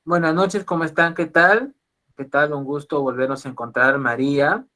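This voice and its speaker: A man's voice: a little high, moderate pace, bright, forceful tone. Peruvian man giving an online psychology lecture. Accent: Peruvian Spanish. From Peru. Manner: repetitive, restarts phrases often, addresses audience directly. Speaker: psychologist giving a webinar talk.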